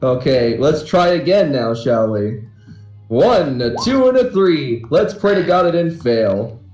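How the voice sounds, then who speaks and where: A man's voice: on the high side, very animated, a little slow, a little mellow, faint music behind. A young man playing in an online tabletop game, playful and apologetic. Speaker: player. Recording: echoey voice chat.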